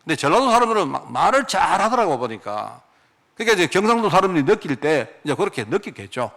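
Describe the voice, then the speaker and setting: Animated Gyeongsang-accented male pastor. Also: fairly high pitch, fast talker. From Daegu, South Korea. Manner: animated, emphatic, asks the congregation rhetorical questions. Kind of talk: sermon.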